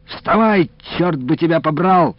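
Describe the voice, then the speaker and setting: A man voicing a wry, quick-tempered villager who grumbles dry remarks. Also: fairly low pitch, huge pitch swings, no echo. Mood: angry. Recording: dull, dry lo-fi audiobook recording.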